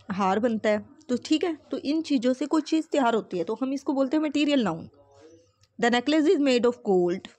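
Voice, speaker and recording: A woman teaching English grammar in Hindi, explaining slowly and often asking and answering her own questions. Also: on the high side, a little mellow. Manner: reads English examples slowly.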